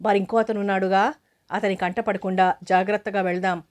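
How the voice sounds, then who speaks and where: Woman voicing a young boy, bold, quick-thinking, hushed, even delivery, storybook. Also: mid-range voice, lightly acted.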